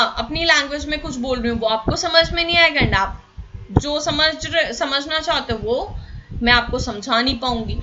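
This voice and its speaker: A woman's voice: high voice, pushed and bright, dull audio, a little hiss or hum. A woman teacher giving an explanatory lecture, talking casually and asking the class rhetorical questions. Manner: conversational, frequent rhetorical questions and fillers.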